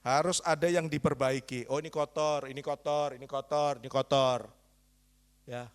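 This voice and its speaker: A male pastor preaching a sermon, firing rhetorical questions at the congregation and coaxing them with a teasing, lively delivery. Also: medium pitch, moderate pace, smooth.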